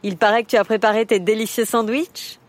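A man's voice: sits high, fairly even intonation, brisk, lightly acted. An actor playing a friendly young man who teases his friend in an easygoing way. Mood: teasing. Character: friendly young man, a teasing big brother.

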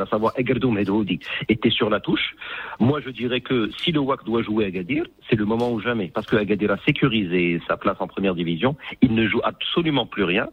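A man's voice: medium pitch, slightly rough, dry recording. A man giving football analysis on a radio show over the phone, emphatic and full of hesitations. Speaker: football pundit. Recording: tinny phone line.

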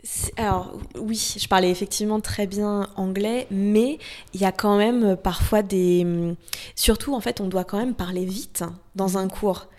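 A woman guest, a yoga teacher, explains her path in a relaxed, chatty way. She hesitates often, restarting phrases and leaning on fillers as she thinks aloud, at a mid pitch. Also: a little slow. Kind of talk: casual conversational interview.

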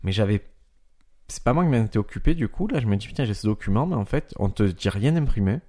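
A man's voice: fairly low pitch, expressive, quick pace, dark tone. A man from France co-hosting a casual podcast, giving practical travel tips with crude jokes. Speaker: podcast co-host.

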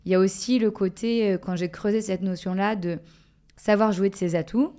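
A woman's voice: medium pitch, steady tone, normal speed, warm tone. A woman speaking as a podcast guest, reflective and hesitant, with many fillers and restarts. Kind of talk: casual podcast conversation.

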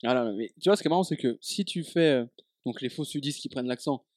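A man hosting a podcast, leading a casual chat in a quick, playful way. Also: medium pitch, darkish tone, no room sound, studio quality. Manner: quick, playful, leads the talk. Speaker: podcast host.

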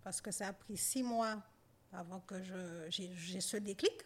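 A woman guest on a podcast, telling her personal story in a halting, hesitant way that often trails off quietly. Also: mid-range voice, steady tone, husky. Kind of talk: personal testimony in conversation.

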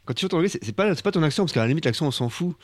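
Fast-talking teasing co-host guy on radio, jumps in a lot. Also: fairly high pitch, expressive. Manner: teasing, quick interjections. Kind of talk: casual radio chat.

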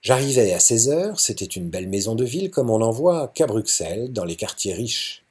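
Guy narrating an audiobook, husky breathy voice, lively expressive reading. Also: lowish voice, normal speed. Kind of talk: scripted literary narration.

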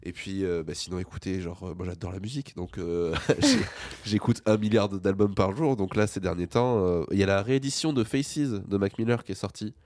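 Very low-voiced radio host. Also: male voice, a little fast. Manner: relaxed, slangy, laughs easily. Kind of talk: casual radio chat.

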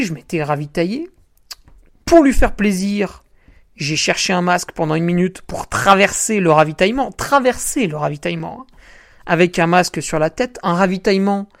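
A man telling a story in a solo podcast, ranting indignantly with crude slang and often turning to the listener. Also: high-pitched. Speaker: podcast host and trail runner.

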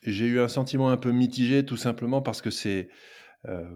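A middle-aged man co-hosting a casual podcast, relaxed and joking, teasing his partner. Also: medium pitch, normal speed. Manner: relaxed, joking, reads reviews aloud. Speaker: podcast co-host.

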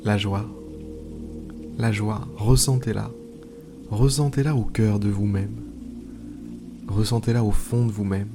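A man hosting an improvised guided meditation, pausing often, repeating phrases and slipping into informal asides. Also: lowish voice, steady tone. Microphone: speaking into a microphone. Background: music.

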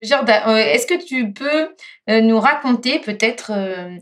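A woman with a slightly high voice hosts a relaxed chat podcast, nudging her guests along with questions. She is chatty and teasing, with frequent hesitations between her phrases. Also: unhurried. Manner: teasing, chatty, laughs often. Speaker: podcast host.

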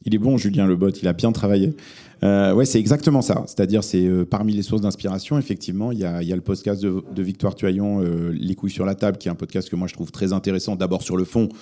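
A man born in Lebanon speaks in a low, very dark voice. He is a journalist giving thoughtful interview answers and often pauses to search for words. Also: steady tone. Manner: thoughtful, many hesitations and fillers. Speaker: journalist and podcast host, guest here.

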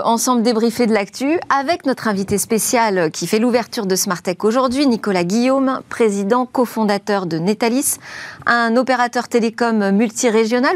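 A woman hosting a tech show, who introduces the topics and guests in a lively, brisk way with some fillers. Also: fairly high pitch, no room sound. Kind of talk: broadcast show hosting and interviewing.

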